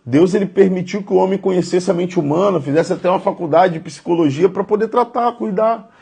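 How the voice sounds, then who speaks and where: A man's voice: sits high, fairly quick, gravelly, a little mellow, breathy edge. A man in his thirties giving a conversational, earnest devotional sermon, speaking directly to his listeners. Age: 30s. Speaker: preacher.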